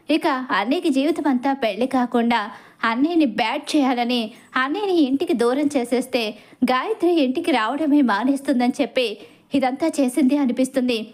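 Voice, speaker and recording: A woman's voice: sits high, a little mellow, close to an everyday voice. A woman voicing an earnest worried young man.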